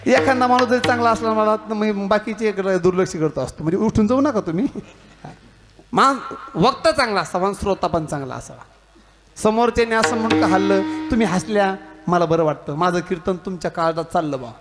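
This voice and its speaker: A man with a Marathi accent, preaching a devotional kirtan full of jokes, stories and acted-out dialogue. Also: sits high. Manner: storytelling with jokes and mimicry, teasing the audience. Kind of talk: humorous devotional sermon.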